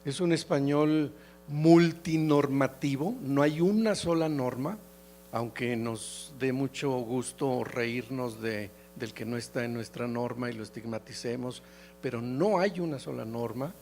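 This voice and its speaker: A middle-aged man from León with a Mexican Spanish accent, giving a halting academic lecture full of hesitations and restarts. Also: mid-range voice, a little mellow, slight background noise. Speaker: keynote lecturer.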